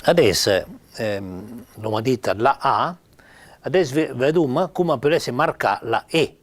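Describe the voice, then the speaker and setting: An older man with a Piedmontese accent giving an informal spoken lesson on spelling, halting with many pauses and fillers. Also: mid-range voice, lively intonation. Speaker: writer teaching Piedmontese spelling.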